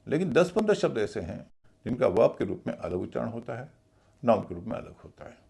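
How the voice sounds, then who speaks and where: A man's voice: medium pitch, big pitch swings, fast, creaky, dark tone, breathy edge. A man teaching English pronunciation in a video lesson, spelling out words letter by letter and repeating each pronunciation patiently.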